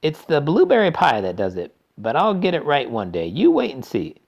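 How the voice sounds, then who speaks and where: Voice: mid-range voice, huge pitch swings, normal speed, vocal fry, breathy edge, highs cut off, pitched above the performer's own voice, exaggerated voice. A performer voicing an eccentric male candy inventor in a storybook, fretful, apologetic and pleading. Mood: resigned.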